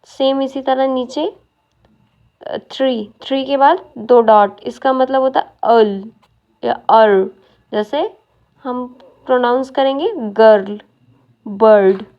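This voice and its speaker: A woman's voice: sits high, slow pace, pauses often, muffled recording. A woman teaching a phonetics lesson, explaining step by step and asking questions as she goes.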